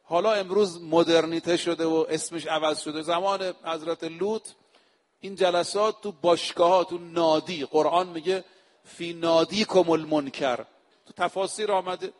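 A male preacher giving a sermon, speaking to his listeners directly and reciting scripture quotes slowly and with emphasis. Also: on the high side, fairly even intonation, long reverb tail. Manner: addresses the audience directly. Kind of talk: religious sermon.

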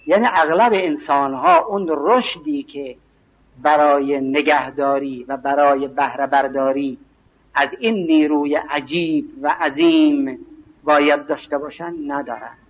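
A preacher delivers an evening lecture in a slow, weighty cadence, often stopping to recite scripture and poetry. His voice sits fairly high for a man, and the recording sounds dull and muffled. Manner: slow, emphatic, quotes scripture and verse.

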